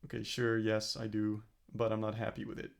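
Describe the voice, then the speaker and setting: A young man records a casual personal vlog, speaking earnestly to the camera about his plans. His voice is gravelly with a lot of fry, and he keeps his pitch fairly level. He rambles, restarts and corrects himself as he thinks aloud. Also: monotone, brisk. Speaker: vlogger. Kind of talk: casual self-reflective vlog.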